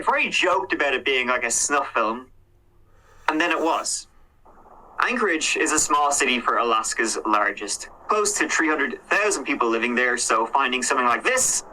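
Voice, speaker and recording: A true crime reaction host casually retells a real case, hedging and using fillers as he talks. His medium-pitched voice is bright and forceful, on a rough recording.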